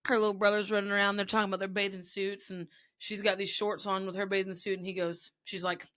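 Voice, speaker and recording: A woman co-hosting a podcast, retelling funny clips in a lively casual chat and putting on voices for the people in them. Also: mid-range voice, quick pace, no echo. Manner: animated, does voices when retelling stories. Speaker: podcast co-host.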